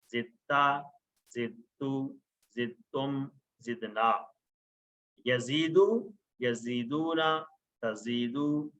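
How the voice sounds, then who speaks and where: A man's voice: mid-range voice, bright, forceful tone, muffled recording. Man chanting Arabic verb tables. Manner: chants verb tables slowly, then explains in Hindi-Urdu. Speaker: Quran Arabic teacher. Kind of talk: recorded grammar lesson.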